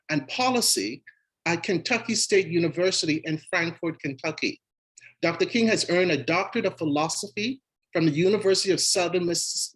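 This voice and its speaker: A man's voice: high voice, fairly bright tone, rough recording. A man hosting an event, reading speaker bios in a formal way and sometimes stumbling over names. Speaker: event host.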